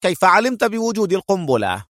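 A man reads as a suspicious police inspector, pitched above his narrating voice. This audiobook figure sounds firm and reproachful. The recording is dry and close. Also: big pitch swings, quick pace, fairly bright tone, dry recording. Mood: stern.

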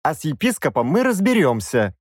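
A man's voice: fairly high pitch, wildly swooping pitch, brisk, no echo, clean studio sound, pitched above the performer's own voice. A man voicing a young, imperious princess who gives orders and snaps back sharply. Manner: demanding, sharp retorts.

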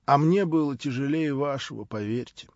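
A male audiobook reader voicing a smooth, hypocritical middle-aged nobleman who coaxes with false kindness and hides his spite. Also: mid-range voice, normal speed, darkish tone, no room sound, muffled recording, natural voice. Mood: ingratiating. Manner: unctuous, persuasive, turning mocking.

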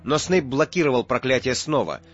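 Guy reading an audiobook, dramatic narration, soft music behind, bit muffled. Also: mid-range voice, lively intonation, fairly quick. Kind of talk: scripted narration.

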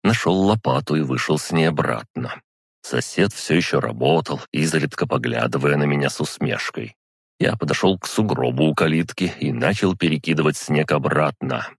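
A man narrating a first-person audiobook in a measured, dry storytelling manner. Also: rumbling low, creaky, husky, dry recording.

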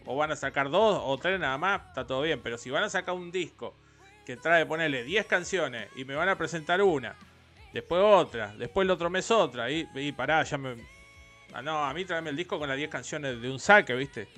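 An Argentine radio host in his forties, with a Rioplatense accent, runs a casual interview in a chatty, rambling, opinionated style. His voice is fairly high and bright, animated and moderately paced, with faint music in the background.

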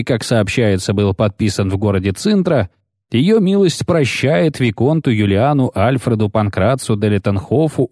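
A male narrator plays a mournful court official with a stiff, formal delivery. He proclaims in a dreary yet lively-pitched voice. The recording is dry. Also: dry recording. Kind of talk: audiobook character voice.

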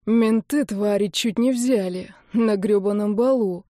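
A woman reading the part of a wounded young man who speaks in an urgent, hoarse, broken half-whisper. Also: mid-range voice, measured pace, warm tone, no room sound, clean studio sound, natural voice. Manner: urgent, commanding, gasping. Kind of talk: audiobook character reading.

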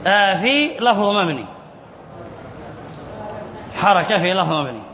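A high-voiced man teaches a lesson, reading a text aloud and then explaining it. He repeats the key words and keeps quizzing his students as he goes. The sound is dull and lo-fi, and it echoes with a long reverb, as in a big hall. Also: sing-song, a little slow. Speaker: sheikh teaching Arabic spelling rules.

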